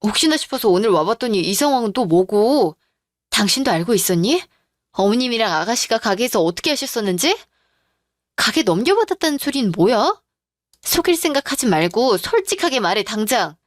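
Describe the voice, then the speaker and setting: A woman's voice: a little high, big pitch swings, a little fast, no room sound, studio quality. A woman voicing a betrayed wife in a radio drama, confronting her in-laws in a demanding, confrontational way.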